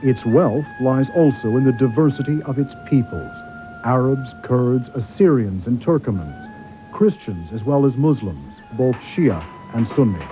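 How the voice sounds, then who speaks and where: A man, a journalist, giving measured, grave documentary narration, heard from a worn VHS tape copy. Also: medium pitch, animated, dark tone, rough recording. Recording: faint music underneath, worn tape.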